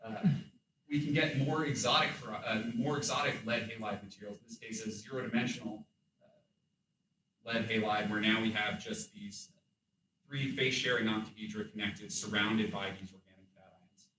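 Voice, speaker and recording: A man giving an academic thesis defense in a hesitant, hedging way, often pausing and correcting himself. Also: on the low side, fairly even intonation, sharp tone. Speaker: doctoral candidate presenting research. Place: room with audible echo. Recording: roomy echo, distant mic, background noise.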